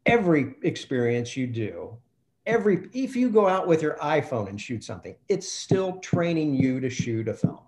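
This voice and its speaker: A Kentucky film director with a slightly high, darkish voice gets very animated as he recounts a behind-the-scenes tale at a moderate pace. Acting out the quoted back-and-forth, he's heard in an interview chat with roomy echo.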